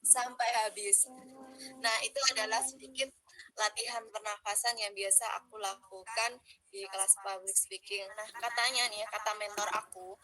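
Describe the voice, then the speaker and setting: Bright-voiced young woman coaching public speaking. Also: medium pitch, steady tone, moderate pace, rough recording. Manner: chatty, many fillers, coaching breathing drills. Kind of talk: casual online workshop talk.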